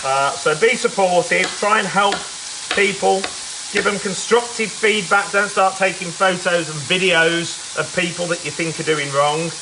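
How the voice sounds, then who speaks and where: A man's voice: high-pitched, moderate pace. Casual home-cook man, bit nasal, loose and chatty, frying pan hissing in the background. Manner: chatty and rambling, with fillers. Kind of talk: casual live cooking chat. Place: city apartment kitchen. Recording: sizzling pan behind the voice. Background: food frying in a pan.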